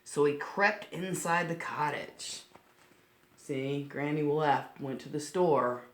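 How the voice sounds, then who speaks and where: A woman with a low-pitched voice reads a picture book aloud to children slowly, stopping to explain things simply. The recording sounds roomy and echoing.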